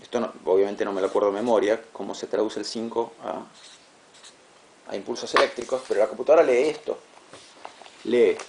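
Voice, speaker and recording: Man, classroom lecture, gravelly voice, patient, repeats himself. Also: lowish voice, fairly even intonation, fairly quick, long pauses, darkish tone, slight background noise. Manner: patient, repeats words, asks "¿sí?" to check. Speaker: teacher.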